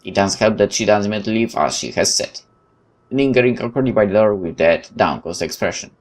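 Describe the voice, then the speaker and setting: Speaking fast in a fairly low voice, this gaming host works through a let's play, voicing the on-screen text with plenty of expression. He keeps dropping in asides and commentary of his own.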